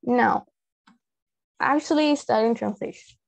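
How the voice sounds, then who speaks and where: A young Peruvian woman, a native Spanish speaker with a Peruvian accent, gives a casual explanatory presentation over a video call from an indoor room. Her voice sits fairly high and sounds creaky, and she takes her time. The call audio is dull and lo-fi.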